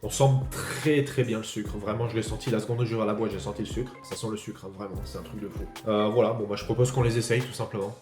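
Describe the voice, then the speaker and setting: A man talking quickly and casually through a tasting, leaning on little fillers as he goes. His voice sits mid-range and rings in a roomy space, with faint music underneath. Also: lowish voice, steady tone, a little mellow. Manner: chatty, repeats fillers like "voilà". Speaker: food vlogger.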